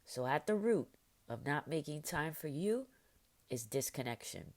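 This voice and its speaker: A woman hosting a motivational podcast, hoarse and raspy as she is losing her voice from illness, upbeat and encouraging with many fillers. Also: deep voice, lively intonation, unhurried, a little mellow. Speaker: podcast host.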